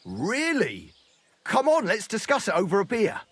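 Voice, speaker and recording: A man's voice: high voice, huge pitch swings, moderate pace, fairly bright tone, husky, full character voice. An actor playing a crude, boozy male troubadour in a video game, boisterous and mocking. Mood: rowdy. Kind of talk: video game cutscene acting.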